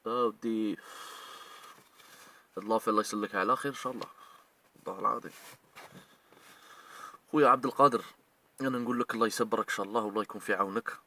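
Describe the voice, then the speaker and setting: A man's voice: fairly low pitch, fairly even intonation, rapid-fire, pauses often, sharp tone, far from the mic, slight background noise. A man with an Algerian Arabic accent, scolding and ranting emotionally in a video as he speaks straight at the people he means. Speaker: online commentator. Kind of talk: heated video rant.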